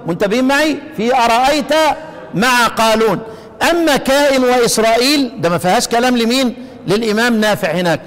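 A man with an Egyptian accent teaches a lesson. He asks the class questions, answers them himself, and chants the verses slowly. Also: very high voice, a bit bright, long reverb tail. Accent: Egyptian Arabic. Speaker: Quran recitation teacher. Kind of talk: classroom lesson explaining a text.

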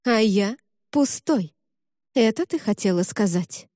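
A woman reading an audiobook, voicing a bitter, vengeful young woman who shouts her accusations in rage. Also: medium pitch, lively intonation, slow pace, no echo, clean studio sound.

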